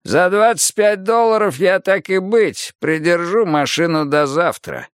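A man voicing a greedy, curt old male car seller in an audiobook, speaking in a slow, clipped drawl. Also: high voice, lively intonation, clean tone, dry recording, studio quality, pitched above the performer's own voice.

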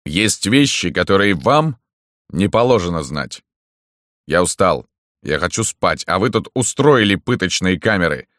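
A man reading a calm, confident boss figure with a measured, authoritative manner in an audiobook. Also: low voice, dry recording, clean studio sound, pitched above the performer's own voice, heavily acted. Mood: commanding.

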